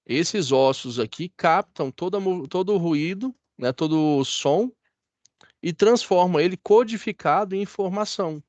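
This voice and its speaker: A Brazilian man gives a classroom lecture in a somewhat high voice. His speech is dry and close, with no room echo. He chats easily and keeps checking that the class follows him. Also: a little slow, a little mellow, highs cut off. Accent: Brazilian Portuguese. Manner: chatty, asks the class for agreement. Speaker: teacher.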